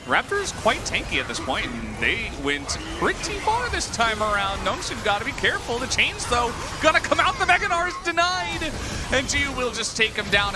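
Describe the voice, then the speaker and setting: A man calling esports play-by-play, joking with his co-caster and rising with the action. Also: high-pitched. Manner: lively, jokey, rises with the action. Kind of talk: play-by-play commentary. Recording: music bed under commentary.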